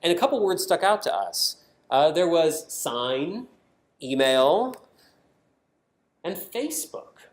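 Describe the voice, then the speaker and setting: An American man on a design team delivers a prepared presentation in an indoor conference session room, the space's echo audible. His slightly high voice swings widely in pitch as he speaks slowly, pausing often and driving home his points in short, punchy, emphatic statements.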